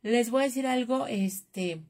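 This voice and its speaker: A woman's voice: a little high, a little slow, a little mellow. Chatty Mexican woman teaching crafts. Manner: chatty, jokey, calls viewers "chicas". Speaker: craft class host. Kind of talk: live craft tutorial.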